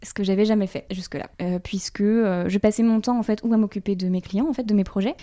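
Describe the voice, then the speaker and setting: A woman talks openly as a podcast guest, her voice mellow and warm. She pauses and fills gaps as she goes, and laughs often. Her pitch sits in the middle range. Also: steady tone. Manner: halting, full of fillers, laughs often. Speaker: interview guest, brand designer. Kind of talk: candid podcast conversation.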